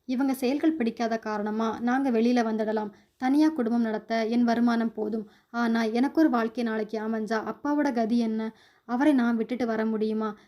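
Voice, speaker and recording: A woman's voice: a little high, steady tone, normal speed, warm tone, natural voice. A woman voicing an earnest, troubled young woman.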